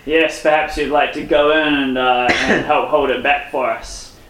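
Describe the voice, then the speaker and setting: A man's voice: a little high, steady tone, moderate pace, roomy sound, noisy background, close to an everyday voice. A man voicing a stern, authoritarian male military commander who speaks in a challenging, menacing way.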